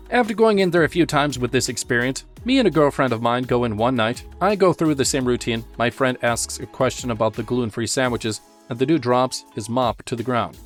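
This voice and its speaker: Man narrating stories over soft music. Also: mid-range voice. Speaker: story narrator. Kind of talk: scripted narration of online stories.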